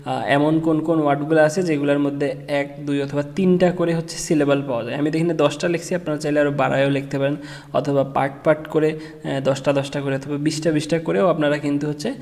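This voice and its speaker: Halting man teaching in a reverberant room. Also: a little high, steady tone, a little mellow. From Bangladesh. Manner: halting, many fillers and restarts. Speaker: online tutorial instructor. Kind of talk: casual screen-share tutorial.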